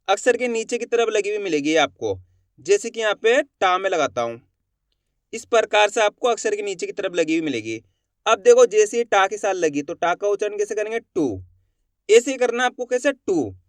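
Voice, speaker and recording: A man teaching a Hindi alphabet lesson, asking the class questions and drawing out each sound slowly. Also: sits high, expressive, no room sound.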